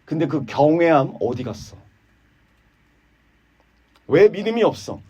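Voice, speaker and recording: A man preaching a sermon in a church, swinging between emphatic high peaks and low quiet asides, mocking the people he quotes. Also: measured pace, slightly rough, lo-fi sound. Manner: animated, rising to emphatic peaks then dropping low and quiet; voices quoted speakers in a mocking, sarcastic tone.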